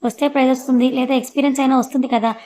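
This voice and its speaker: A woman's voice: high-pitched, steady tone, racing, mellow, natural voice. A woman voicing an easygoing young man. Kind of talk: audiobook story narration.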